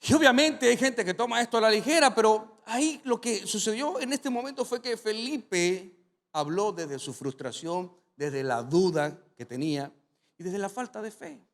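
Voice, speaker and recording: A male pastor preaching a sermon, telling stories with animation and rising to sudden loud climaxes. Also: high voice, lively intonation, moderate pace.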